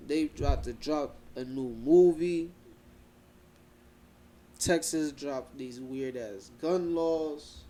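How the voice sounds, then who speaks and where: A young man co-hosting a podcast, chatting casually in animated slang and talking over his co-host. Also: fairly high pitch, slow pace, long pauses, a little hiss or hum. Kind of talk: casual chat.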